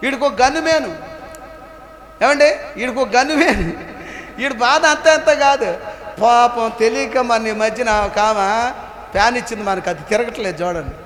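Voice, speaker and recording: High pitched male pastor, playful sermon stories, keeps asking the church to shout back, big roomy reverb. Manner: calls on the congregation to answer aloud, animated and playful. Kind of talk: Telugu sermon with humorous storytelling. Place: church hall. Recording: echoey hall with long reverb.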